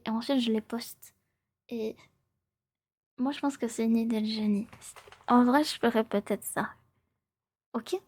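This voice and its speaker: A slightly high-voiced woman in her twenties live streams with playful, casual chatter, frequently whispering breathily in ASMR fashion and echoing her own phrases.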